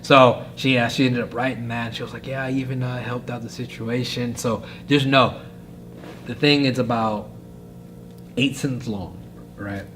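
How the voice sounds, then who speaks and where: A young man on a podcast telling his story casually, rambling with many fillers and getting animated. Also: mid-range voice, normal speed, faint music behind. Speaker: podcast guest, fighter.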